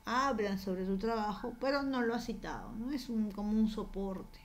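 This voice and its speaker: A woman's voice: medium pitch, normal speed, slight background noise. A woman teaching a university writing class, explaining patiently in a conversational way and often tagging her sentences with a questioning "no?". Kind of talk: conversational online class lecture.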